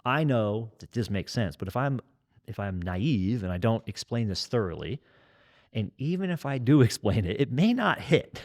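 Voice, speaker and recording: Nasal guy in his 40s, kinda low voice, over-explains everything on a podcast. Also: sing-song, moderate pace, darkish tone. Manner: talkative, over-explaining, joking. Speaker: kettlebell trainer and fitness educator. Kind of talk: casual podcast conversation.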